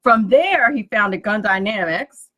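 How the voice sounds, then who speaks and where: A woman's voice: medium pitch, lively intonation, a little slow, a bit bright, dull audio. A woman hosting a business radio talk show, chatty and giggly as she introduces her guest. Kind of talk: casual radio chat.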